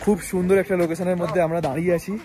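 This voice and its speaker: A man from India narrating a motorcycle travel vlog outdoors on a high mountain road, short of breath and talking slowly in short phrases. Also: flat delivery, a crowd in the background. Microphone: action camera or phone on the bike trip. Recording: noisy outdoor recording with wind and engines.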